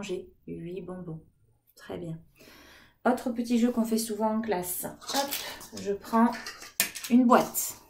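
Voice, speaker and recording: A woman teaching a remote lesson to kindergarten children, gently encouraging and counting aloud with them. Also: mid-range voice, gravelly, a little hiss or hum.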